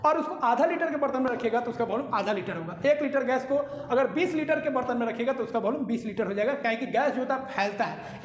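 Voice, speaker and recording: A man teaching a recorded lecture, explaining patiently and often pausing to check that listeners follow. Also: very high voice. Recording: echoey hall with long reverb.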